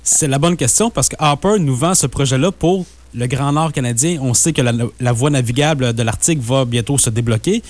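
A man's voice: medium pitch, brisk, hardly any pauses, darkish tone, no room sound. A man, co-hosting a political radio show and cutting in with blunt, opinionated remarks. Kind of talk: casual political talk radio chat.

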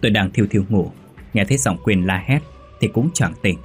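A man narrating a horror story in a measured, ominous reading. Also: on the low side. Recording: faint background music.

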